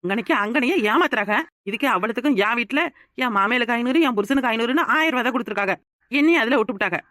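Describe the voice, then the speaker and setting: A woman voicing an outspoken young village woman in a cartoon, with a southern Tamil Nadu rural accent, who shouts and scolds. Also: on the high side, very fast, no echo, studio quality. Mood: outraged. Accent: southern Tamil Nadu rural dialect. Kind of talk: cartoon voice acting.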